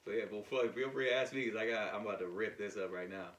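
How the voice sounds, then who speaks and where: A man co-hosting a podcast in casual chat, with loud, laughing, profane banter. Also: fairly low pitch, quick pace. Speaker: podcast co-host. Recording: echoey room, mic at a distance, faint noise.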